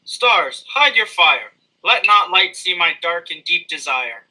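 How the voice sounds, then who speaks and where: An overwrought, commanding Scottish lord in a comic stage play, acted by a man. The voice is high and piercingly bright, declaiming with hammy excess and big swings of pitch. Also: very animated, unhurried, slightly rough, heavily acted, poor audio. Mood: grandly brooding. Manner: overacted, declaiming. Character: overwrought, guilt-ridden, commanding Macbeth in school play. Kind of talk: amateur comic stage Shakespeare.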